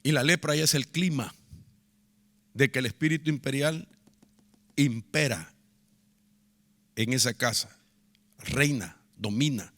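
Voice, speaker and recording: A man preaching a sermon as pastor, with sharp emphasis, pushing his voice up and dropping it low for effect, and getting the congregation to repeat words after him. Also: measured pace, pauses often.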